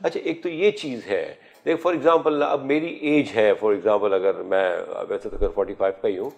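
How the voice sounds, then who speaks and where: A man's voice: lowish voice, moderate pace, gravelly. A man in his fifties hosting a studio health talk show, chatty and joking, slipping English phrases into his questions. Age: 50s.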